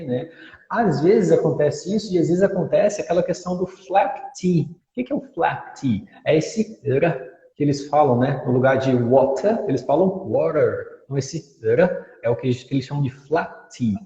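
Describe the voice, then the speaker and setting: A man, an English teacher speaking in an interview. He explains patiently and models pronunciations with examples, in a soft, mellow voice pitched a little high. The audio is dull and echoey, with a long room reverb.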